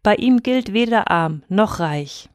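A woman's voice: mid-range voice, animated, slow, dry recording, studio quality. Ruben, a woman reading as an old shepherd. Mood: soothing. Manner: stern, admonishing rhyming verse. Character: poor old male shepherd, grumbling and god-fearing.

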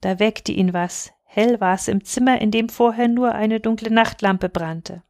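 Gruff old storybook tomcat, read by a woman. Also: mid-range voice, a little slow, darkish tone, no room sound, clean studio sound, close to an everyday voice. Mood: urgent. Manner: grumbling, confiding storyteller. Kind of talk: storybook reading.

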